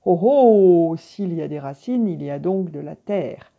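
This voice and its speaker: A woman's voice: low-pitched, normal speed, creaky, phone-quality sound, pitched below the performer's own voice. A woman reading aloud voices a lonely old male coyote spirit, in an earnest, eager storytelling voice.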